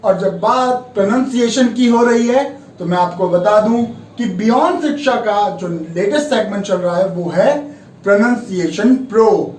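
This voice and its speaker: A man teaching English pronunciation in a video lesson, spelling words out letter by letter and repeating each one slowly. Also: high voice, darkish tone, reverberant, distant mic, a little hiss or hum, rough recording. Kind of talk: classroom-style video lesson. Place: room with a board beside him.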